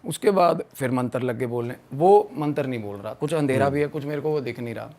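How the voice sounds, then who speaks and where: Podcast guest, young man from Punjab, animated storyteller who voices his friends' lines. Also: medium pitch, a little fast. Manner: animated, acts out friends' quotes. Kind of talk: casual storytelling chat.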